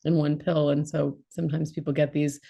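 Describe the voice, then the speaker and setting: A woman's voice: low voice, flat delivery, brisk, gravelly, warm tone, breathy edge. A woman clinician interviewing a guest, asking questions and adding commentary in a conversational way with fillers.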